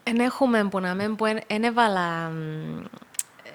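A young woman with a Cypriot Greek accent, a rally co-driver talking as a guest in a relaxed podcast chat, telling stories loosely with plenty of fillers. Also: medium pitch, a little hiss or hum. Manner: chatty, loose storytelling with many fillers. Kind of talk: casual podcast conversation.

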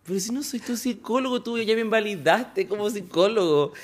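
A man's voice: high-pitched, a little fast. A young man with a Chilean accent, co-hosting a casual podcast chat with teasing sarcasm. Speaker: podcast co-host.

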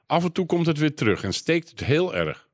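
Man doing a shrill scolding mother. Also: big pitch swings, normal speed, no room sound, clean studio sound. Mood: complaining. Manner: scolding, shrill when angry. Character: sharp-tongued peasant mother, middle-aged woman.

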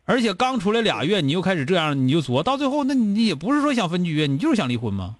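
A man's voice: high-pitched, big pitch swings, fast talker, no room sound. A man with a Northeastern Chinese accent hosting a call-in advice show, blunt and scolding, firing rhetorical questions. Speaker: radio call-in show host.

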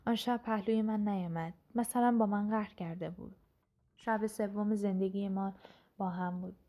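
A woman narrating a first-person short story in a measured, earnest way. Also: medium pitch, mellow. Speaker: audiobook narrator. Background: background instrumental music.

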